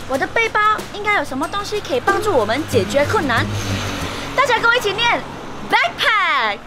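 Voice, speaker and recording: A woman's voice: very high-pitched, very animated, a little fast. A young woman with a Malaysian accent playing a peppy little girl explorer, exaggerated and instructive as in a children's show parody. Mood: cheerful, instructive. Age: young adult. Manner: exaggerated, instructive, addresses the audience. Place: outdoors on streets and in a park. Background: loud music.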